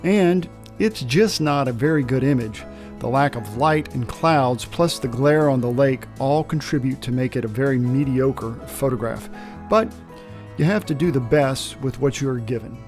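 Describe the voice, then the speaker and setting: A man's voice: medium pitch, normal speed, a little mellow, faint music behind. A man, a landscape photographer, talking casually outdoors on a mountain trail, frank and self-critical as he gives tips. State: out of breath.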